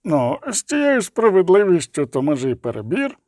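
A man's voice: high-pitched, very animated, normal speed, a little mellow, no echo. A composed, wry wanderer weighing his words with a faint smile in them, as a man reads him. Dry, close recording. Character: calm wry male traveler called Pilgrim.

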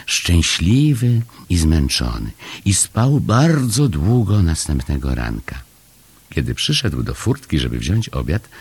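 Male storybook narrator, deep voice, gravelly, slow calm telling, lively melody. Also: no echo. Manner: calm, measured, gently expressive telling. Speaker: audiobook narrator.

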